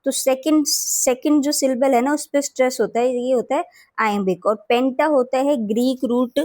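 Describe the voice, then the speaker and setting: A woman's voice: sits high, steady tone, moderate pace, darkish tone, no room sound. A woman hosting an exam-prep lesson, explaining patiently and repeating key points with frequent "theek hai" checks. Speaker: teacher and channel host.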